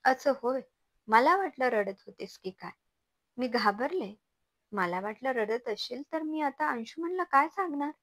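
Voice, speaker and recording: A woman's voice: high voice, animated, fairly bright tone, no echo, pitched above the performer's own voice, full character voice. Woman doing a fussing, worried mother-in-law. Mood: relieved. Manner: worried, rapid questioning.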